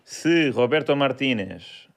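A man's voice: mid-range voice, animated, takes it slowly, vocal fry. A man with a European Portuguese accent, co-hosting a casual comedy podcast chat and rambling through his points. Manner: rambling, full of restarts and fillers. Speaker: podcast co-host.

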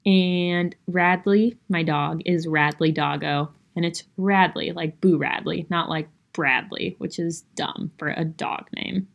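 A woman's voice: fairly low pitch, steady tone, slow pace, vocal fry, hardly any pauses, dull audio. A woman co-hosting a casual podcast, reading reviews aloud with self-mocking asides. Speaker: podcast co-host.

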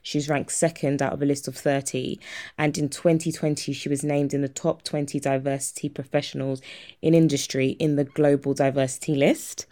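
Low-voiced friendly woman host. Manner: warm, laughs often, friendly. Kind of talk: reading an introduction, then casual interview.

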